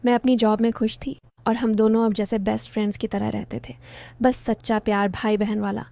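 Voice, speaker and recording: A woman's voice: mid-range voice, little pitch movement, fairly quick, creaky, mellow, no room sound. A woman narrating an emotional first-person story in a confiding storytelling manner.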